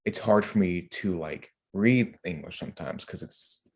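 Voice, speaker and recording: A low-voiced man, a podcast co-host, rambles casually in a group chat. His delivery is halting and full of fillers, with lots of "like"s.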